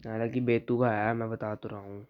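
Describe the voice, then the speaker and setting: A man's voice: lowish voice, little pitch movement, fairly quick, highs cut off. A young man doing casual let's-play commentary, chatty, teasing the characters and reading their lines aloud. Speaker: gaming YouTuber.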